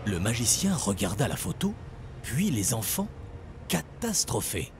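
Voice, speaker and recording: A man narrating a children's story in an expressive, animated storytelling voice. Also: medium pitch, unhurried, background noise. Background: music.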